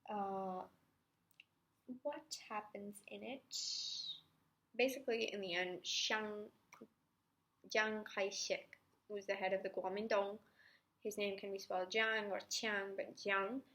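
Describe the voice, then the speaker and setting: A woman's voice: medium pitch, fairly even intonation, takes it slowly, long pauses, fairly bright tone. A young woman talking through history revision notes in a casual, chatty way, with self-mocking asides and the odd whisper. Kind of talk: casual study-video explanation.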